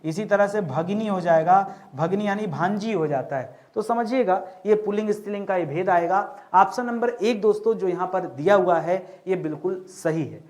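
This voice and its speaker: A male teacher giving an exam-prep grammar lesson, who keeps repeating his questions back to the viewers and slows down to spell out key words. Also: high voice, a little mellow.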